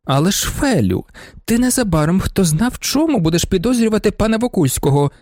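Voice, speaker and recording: A man reading an audiobook and voicing a lively society lady who exclaims and scolds. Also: high voice, brisk, no room sound, studio quality, pitched above the performer's own voice. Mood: exclaiming.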